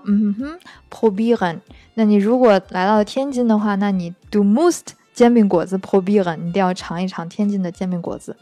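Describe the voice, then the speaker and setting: A woman explains German phrases in a relaxed, chatty lesson. Her voice is warm and mellow, at an ordinary pitch. The recording is close and dry, with faint background music. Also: no echo. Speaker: German language teacher.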